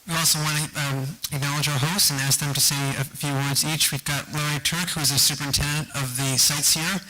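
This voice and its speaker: Bright man chairing a board meeting. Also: on the high side, fairly even intonation, brisk, a little hiss or hum, low-quality recording. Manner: light, joking introductions. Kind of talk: public meeting remarks.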